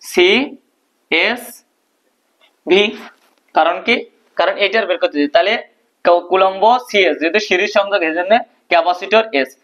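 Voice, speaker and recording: A man's voice: high-pitched, normal speed, long pauses, a bit bright. A male teacher explaining a physics proof at a board, asking questions and answering them himself. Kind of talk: physics lesson at a whiteboard. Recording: dull lo-fi recording.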